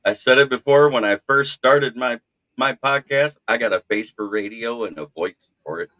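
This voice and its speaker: Speaking at a moderate pace in a mid-range voice, this self-deprecating podcast host runs a laid-back sports show, spinning lively stories in a polished radio delivery. His podcast mic gives dull audio with no echo.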